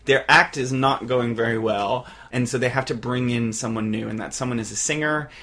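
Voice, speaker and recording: A man co-hosting a casual film-review podcast, chatty and animated, rambling with lots of fillers. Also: medium pitch, fairly quick. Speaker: podcast co-host.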